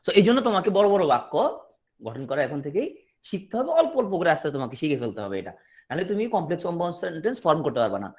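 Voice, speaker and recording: Male tutor, online class; animated delivery that rises and falls, reads example sentences slowly. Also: on the high side. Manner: explains in a question-and-answer rhythm, repeating and checking understanding; reads English sentences slowly and deliberately, then translates. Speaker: English teacher.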